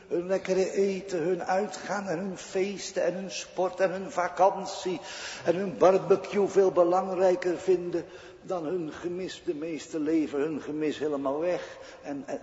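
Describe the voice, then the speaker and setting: A man's voice: sits high, steady tone, unhurried, mellow. A male pastor preaching a sermon in a church, speaking emphatically and asking rhetorical questions. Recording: dull echoey church recording.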